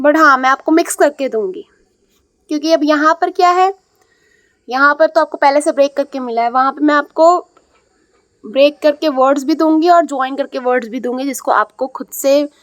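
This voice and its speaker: Patiently teaching young learners English reading, this woman speaks in a high register and frequently repeats points, checking understanding with "ठीक है." The recording has no room sound.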